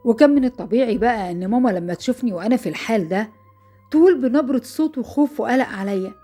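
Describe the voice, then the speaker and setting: Brief: Egyptian female storyteller, young, fearful and quick, warm husky tone. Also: on the high side, animated, soft background music. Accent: Egyptian Arabic. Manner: breathless, fearful retelling. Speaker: narrator. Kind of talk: dramatic first-person horror storytelling.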